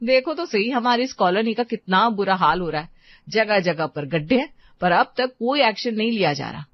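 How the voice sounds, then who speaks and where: A woman's voice: mid-range voice, dry recording, close to an everyday voice. A woman voicing a sweet but distracted young wife in a cartoon, chatty and pleading. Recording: dry, slightly dull lo-fi sound.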